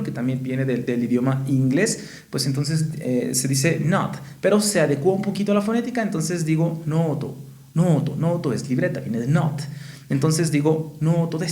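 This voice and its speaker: A Mexican-accented man teaching a casual video lesson, patient and repetitive, often checking in with a quick "¿sí?". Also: fairly high pitch, a little mellow, echoey room. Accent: Mexican Spanish. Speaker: Japanese teacher.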